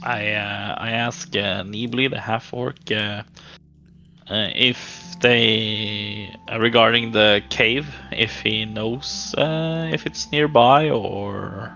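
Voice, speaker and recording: A man playing a tabletop game, speaking casually and haltingly as a player. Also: on the low side, fairly even intonation, creaky, pushed and bright, highs cut off, soft background music. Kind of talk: casual tabletop role-play.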